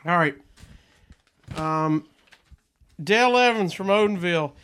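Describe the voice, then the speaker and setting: A man co-hosting a casual snack-tasting show, talking in a playful, joking way with quick asides. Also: high-pitched, lively intonation, fairly bright tone, smooth. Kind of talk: casual chat.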